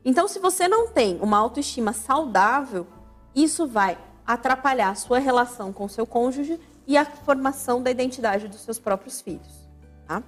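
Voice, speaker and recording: High-voiced woman teaching on a radio show. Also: animated, moderate pace, soft background music. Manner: didactic, emphatic, repeats key words for stress. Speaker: radio show host and family counselor. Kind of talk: radio talk on family life. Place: radio studio.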